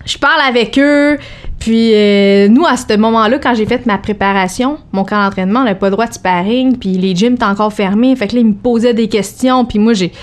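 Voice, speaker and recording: A woman with a Québécois accent, a boxer guest telling lively anecdotes in a casual chat. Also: a little high, a little fast. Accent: Québécois French. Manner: animated anecdote teller, acts out quotes.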